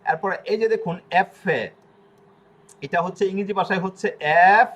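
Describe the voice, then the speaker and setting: Man, slightly high voice, patient teacher, repeats letter sounds. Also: fairly even intonation, lo-fi sound. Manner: explains slowly, repeating each letter sound. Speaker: language teacher. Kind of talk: online language lesson.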